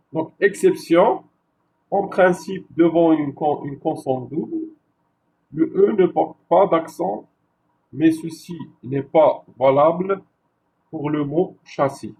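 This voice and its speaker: A male university lecturer giving a classroom lecture, slow and repetitive, checking with his listeners after each point. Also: on the high side, creaky, darkish tone, a little hiss or hum, low-quality recording. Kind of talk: classroom lecture on French spelling.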